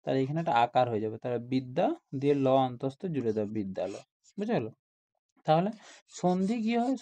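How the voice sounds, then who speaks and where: A man's voice: fairly high pitch, vocal fry, mellow. A man teaching a grammar lesson to school students, explaining step by step and often asking questions like "isn't it?".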